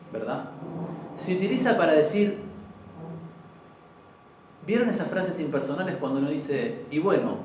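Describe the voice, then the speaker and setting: A man teaching a language class, patiently explaining and repeating words slowly. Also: a little high, a little mellow, a little hiss or hum. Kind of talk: informal classroom lesson. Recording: very echoey room, from far off.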